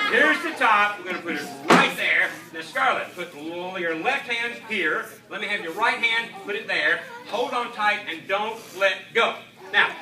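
High-pitched kids' party magician, echoey room. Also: male voice, sharp tone. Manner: kids' party magician patter, playful exclamations and mock surprise. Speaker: children's magician. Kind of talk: live stage magic show for children. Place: school library room, indoors. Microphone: camera at a distance. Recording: echoey room, distant camera, audience noise. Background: audience of children.

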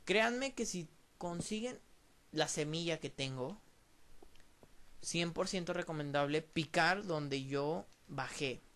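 A man's voice: on the high side, slow, slight background noise. Profane Mexican guy narrating his gameplay. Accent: Mexican Spanish. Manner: profane, excitable, talks to viewers while playing. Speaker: gameplay channel host. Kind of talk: casual game commentary.

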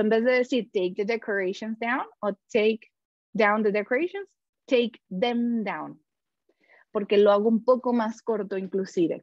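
A woman's voice: fairly high pitch, no echo, dull audio. A woman teaching English in a webinar, explaining with many examples, fillers and restarts. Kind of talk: webinar lesson.

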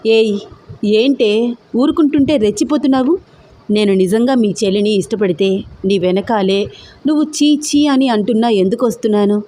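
A woman voicing a stubborn, teasing young man in love, playful and persistent, with a mellow tone. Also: on the high side, moderate pace, natural voice.

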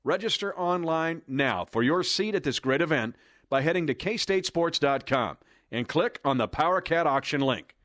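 A man's voice: a little high, a bit bright, dry recording, clean studio sound. A man reading an enthusiastic scripted promo voice-over in an announcer's delivery. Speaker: promo narrator.

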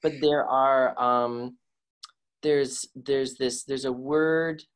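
A man's voice: mid-range voice, steady tone, very slow. A young man explaining an idea in a video call discussion, hesitant with many restarts. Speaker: workshop participant. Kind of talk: casual discussion.

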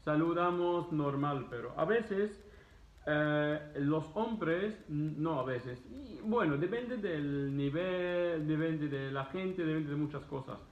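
Man, travel vlogger, casual, hesitant, very slow pace, tinny echoey sound. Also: fairly high pitch. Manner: slow, hesitant, with fillers and restarts. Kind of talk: casual explanation to students.

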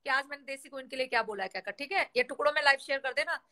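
Fields: Sex: woman. Style: bright-voiced live stream host. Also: high-pitched, very fast. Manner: rambling, mixes in English words. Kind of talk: casual live stream chat.

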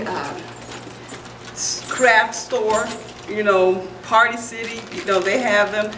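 A middle-aged woman gives a friendly, rambling how-to demonstration in a large indoor playroom. She stands well back from the camera's microphone, so her voice carries a roomy echo, with a steady hum of background noise under it. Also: mid-range voice. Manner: friendly, chatty, restarts mid-sentence. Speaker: founder and director of a center for children. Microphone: camera microphone from across the room. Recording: echoey room heard from a distance.

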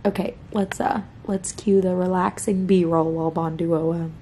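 A woman's voice: on the low side, fairly even intonation, unhurried, dark tone, slight background noise. A young adult woman vlogging from home in a rambling casual chat, often saying "like". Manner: chatty and rambling, fond of saying "like".

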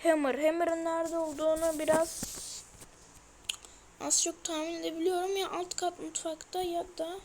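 A woman's voice: extremely high pitch, level tone, normal speed, darkish tone, a little hiss or hum. A young woman playing a horror game, talking to viewers in a jittery, scared, exclaiming way. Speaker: gamer. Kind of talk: horror game let's play commentary.

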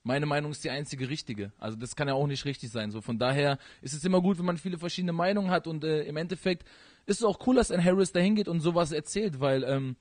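A young adult rapper, born in Iran and raised in this country, answers interview questions into a handheld mic in a living room at home. He talks quickly in loose run-on sentences full of fillers, with a slightly high, a little mellow voice. The sound is close and dry.

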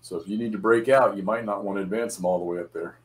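A man's voice: on the low side, steady tone, fast talker, a little hiss or hum. A man explaining wargame rules to a fellow player in casual chat. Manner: explains game rules patiently.

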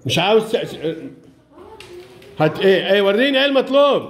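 A male primary school teacher with a lilt runs a classroom lesson, coaxing and encouraging his pupils and laughing often. His voice sits high, animated and quick.

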